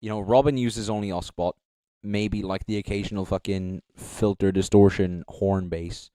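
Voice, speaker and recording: A man's voice: lowish voice, fairly even intonation, moderate pace, warm tone, no room sound. A young man casually commenting on a live stream, rambling, correcting himself and swearing freely. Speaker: streamer judging beatbox entries.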